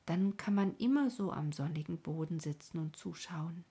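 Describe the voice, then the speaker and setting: Woman voicing a young boy, storybook, soft, longing, thoughtful, breathy. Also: on the low side, moderate pace. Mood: wistful. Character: dreamy, wistful young boy.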